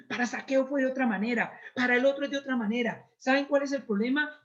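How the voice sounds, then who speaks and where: A man from Colombia preaching a Sunday sermon, earnest and confessional, moving between soft asides and emphatic appeals. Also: very high voice, highs cut off.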